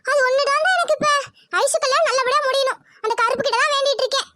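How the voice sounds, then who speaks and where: A woman's voice: very high voice, fairly even intonation, racing, bright, forceful tone, no room sound, clean studio sound. A woman voicing an anxious, devout middle-aged mother in a cartoon who scolds and wails. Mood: fretful. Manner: scolding, wailing and fretful. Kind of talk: cartoon voice acting.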